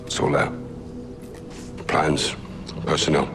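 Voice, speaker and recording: An actor playing a gruff, wry, middle-aged British special forces captain in a video game, speaking in a clipped, authoritative way. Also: male voice, a bass voice, flat delivery, takes it slowly. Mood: low, persuasive. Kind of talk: video game cinematic acting. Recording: loud music bed behind dialogue.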